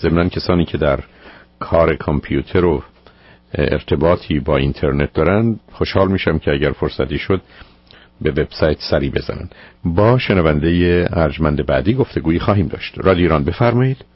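A man hosting a call-in radio advice show, giving calm, measured guidance to callers. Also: very deep voice, breathy edge, dry recording. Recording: muffled lo-fi radio broadcast.

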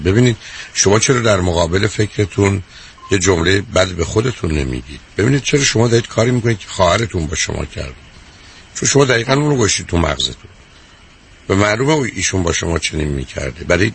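A man's voice: low voice, gravelly, a little hiss or hum. A man hosting a call-in advice show, lecturing a caller bluntly and repeating his points. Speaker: radio advice host. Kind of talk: call-in counseling.

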